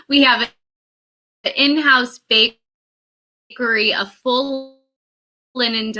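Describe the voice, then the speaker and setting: A woman's voice: fairly high pitch, sharp tone, rough recording. A woman speaking on a live video call interview as a wedding venue representative, her voice cutting in and out as the connection drops. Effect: voice cutting in and out on a dropping video call connection.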